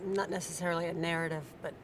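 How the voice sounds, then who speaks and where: A woman from Seattle speaks off the cuff in a low, flat voice, stopping and restarting often. Clear background noise runs under her speech. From Seattle, United States. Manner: halting, many ums and restarts. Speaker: panel artist. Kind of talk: unscripted panel remarks.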